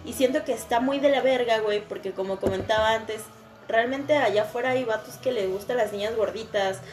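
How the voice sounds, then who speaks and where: A woman's voice: a little high, a little fast. A young woman with a Mexican accent in casual podcast chat, frank and slangy, swearing freely. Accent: Mexican Spanish. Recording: echoey room with faint music.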